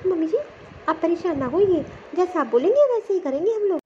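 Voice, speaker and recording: Cartoon elder daughter-in-law, calm and obedient, high and sweet, as a woman voices her, faint hiss. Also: a little fast, highs cut off. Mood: soothing. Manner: soothing, obedient. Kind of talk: cartoon story voice acting.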